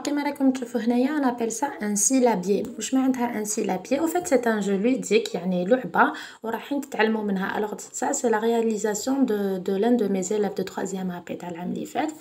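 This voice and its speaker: A woman with an Algerian accent, a primary school French teacher giving a patient home lesson to children. She keeps asking "d'accord?" to check they follow, and stretches words out slowly when breaking them into syllables. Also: fairly high pitch, dark tone.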